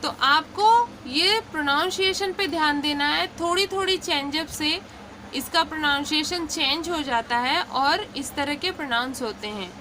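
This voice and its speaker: A woman teaching English pronunciation in a patient lesson. She repeats each word slowly and checks in often. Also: sits high, bright, forceful tone, slight background noise. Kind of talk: slow explanatory lesson.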